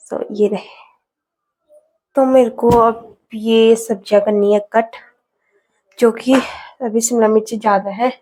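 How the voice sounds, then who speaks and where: A woman's voice: mid-range voice, a little mellow. A young woman chatting casually as a vlogger, talking along while she cooks and teasing family members playfully. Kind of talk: casual cooking vlog narration.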